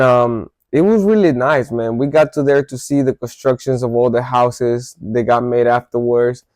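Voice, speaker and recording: This man from El Salvador, a vlogger, chats to camera about his life in loose storytelling, with false starts and self-corrections along the way. His voice is mid-range and darkish, and there's no echo on the recording.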